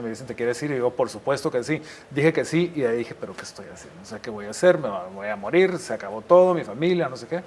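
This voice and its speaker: A middle-aged man from Guatemala, a war correspondent, being interviewed and telling his stories reflectively, often restarting his sentences. There is faint noise behind him. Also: medium pitch. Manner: reflective storytelling with frequent restarts. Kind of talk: interview conversation.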